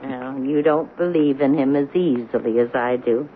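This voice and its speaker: Performed as 1970s radio drama, this older, pious spinster with a romantic streak talks at a normal pace, her voice low for a lady, her delivery precise, reflective, and gently inquisitive. The sound comes through a narrow broadcast with a little noise.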